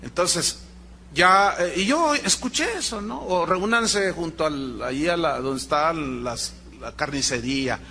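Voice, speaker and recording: A man's voice: a little high, a little slow. A man preaching a sermon, telling stories and asking the congregation questions. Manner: animated, storytelling, rhetorical questions to the congregation. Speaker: pastor.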